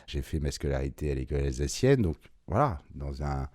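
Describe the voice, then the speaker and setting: Very deep-voiced hesitant man. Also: sing-song, darkish tone, dry recording, studio quality. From France. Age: 40s. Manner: hesitant, many pauses and fillers; reflective, measured. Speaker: interviewee. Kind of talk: personal testimony.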